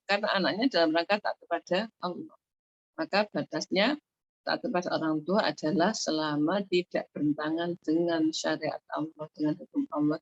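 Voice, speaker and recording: A woman's voice: medium pitch, dry recording. A woman giving an online sermon as a religious teacher, explaining her points patiently and rephrasing them often. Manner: explanatory, repeats and rephrases points, frequent fillers. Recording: dull muffled lo-fi audio.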